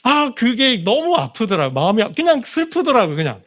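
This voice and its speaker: A man preaching a Sunday sermon as pastor, in a conversational style full of rhetorical questions, his voice dropping low and soft at emotional points. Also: wildly swooping pitch, a little fast. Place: church sanctuary.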